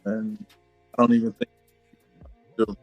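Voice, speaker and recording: A man talks slowly and haltingly, his voice played through a speaker that keeps cutting out every few words. He trails off mid-sentence. The sound is dry, with faint music behind it. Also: fairly low pitch, flat delivery, no echo, muffled recording. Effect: heard through a speaker that keeps cutting out. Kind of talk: casual chat.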